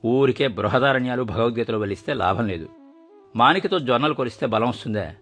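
A man reading a story aloud and voicing a sharp-tongued old grandmother who scolds with scorn and defiance. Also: on the low side, a little fast, soft background music. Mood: scolding.

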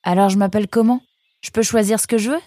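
A woman voicing a young male fox in a children's storybook, speaking high and quick to protest. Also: fairly even intonation, mellow, dry recording, natural voice. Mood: pleading.

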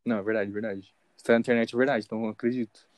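A man's voice: on the low side, steady tone, racing, darkish tone, no room sound. A young Brazilian man with a Brazilian Portuguese accent, co-hosting a podcast in casual, jokey chat and laughing often. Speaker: podcast co-host.

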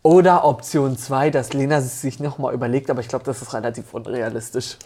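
A woman's voice: a bass voice, steady tone, brisk, warm tone, husky. A woman co-hosting a casual reaction podcast, giving her opinions and thinking aloud with fillers. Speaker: podcast co-host.

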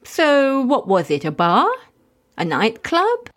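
Prim, polite female interviewer played by a woman, very animated intonation, scripted comic mock interview. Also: a little high, slow, exaggerated voice. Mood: curious, polite.

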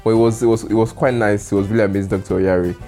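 A man hosting a casual podcast, relaxed and teasing, often repeating his words. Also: lowish voice, rapid-fire, soft background music. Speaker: podcast host.

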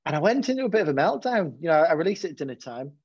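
This head teacher talks very fast in a slightly high, sing-song voice that is a bit mellow and a little rough. He is candid but hesitant during the interview, restarting sentences repeatedly. The audio has no echo and is dry, lo-fi, and slightly dull.

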